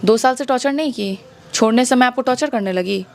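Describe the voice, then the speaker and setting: A woman's voice on the high side, a little fast, recounts her experience as an interview guest. She has a Bihari accent and speaks with indignation, repeatedly posing challenging rhetorical questions.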